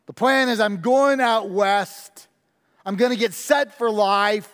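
A man's voice: high voice, slow pace, fairly bright tone, clear, resonant tone, in a large hall. A man preaching a sermon and voicing a stubborn, ambitious young man who dismissively insists on his own plans.

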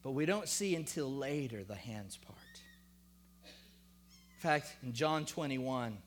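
A man preaching a sermon, emphatic and rhetorical, calling on the congregation, then lowering to a hushed voice when reading scripture. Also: expressive, slow, a little hiss or hum. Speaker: pastor.

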